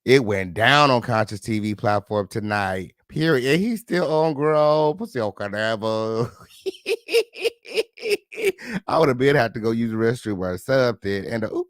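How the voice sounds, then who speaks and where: A man hosting a celebrity gossip livestream, sassy and flamboyant, full of loud catchphrases, profanity and high, squealing laughs. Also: animated, normal speed, clean tone, dry recording, clean studio sound. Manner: frequent high-pitched laughing outbursts. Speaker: gossip show host. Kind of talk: casual livestream commentary.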